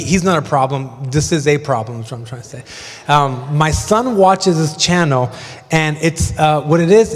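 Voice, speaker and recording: A middle-aged man preaching in a large church, his voice pitched high and light. He tells family stories in a loose, self-deprecating way with quick animated asides. A long reverb from the hall trails after each phrase. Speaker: pastor. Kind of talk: sermon with humorous storytelling.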